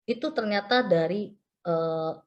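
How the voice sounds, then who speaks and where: A woman's voice: mid-range voice, measured pace, dull audio. A woman preaching from the pulpit, telling a personal testimony. She brings the story to life by voicing the people on the other end of her calls, in a voice of ordinary middle height. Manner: storytelling, acting out phone conversations.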